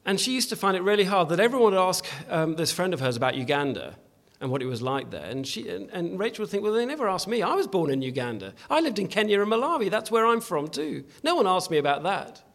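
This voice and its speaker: A man's voice: high-pitched, sing-song, quick pace, few pauses. A man preaching a sermon in a church, earnest and emphatic, often restarting his phrases as he exhorts the congregation.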